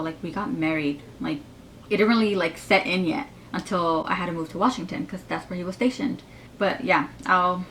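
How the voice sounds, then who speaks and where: A woman's voice: on the low side, fairly bright tone, a little hiss or hum, poor audio. A woman in her twenties with a slight lisp from braces, chatting casually in a rambling Q&A vlog with lots of fillers. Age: 20s. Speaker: YouTuber.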